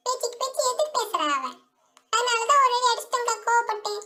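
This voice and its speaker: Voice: very high voice, fairly even intonation, fast, sharp tone, heavily acted. A female performer voicing a bossy, defensive elder sister doll in a doll story play.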